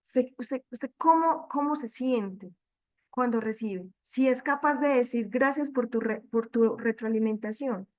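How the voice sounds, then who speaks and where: A woman's voice: on the high side, measured pace, a little mellow. A woman leading an online training talk for catechists, speaking directly to them. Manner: direct, addresses listeners as catechists. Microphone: computer mic on video call.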